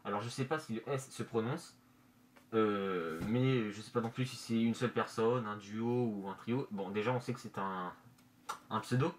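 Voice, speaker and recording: Hesitant man talking through a face mask, noisy room. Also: on the low side. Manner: hesitant, halting, searching for words. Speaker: manga review vlogger. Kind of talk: casual unscripted presentation. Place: bedroom, indoors. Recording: noisy amateur room recording.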